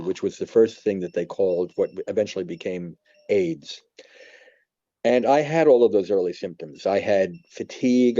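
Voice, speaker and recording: A man in his seventies from New York, telling a personal faith testimony in a reflective, halting way with many pauses. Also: lowish voice, dark tone, no room sound, lo-fi sound. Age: 70s. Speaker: church member giving testimony.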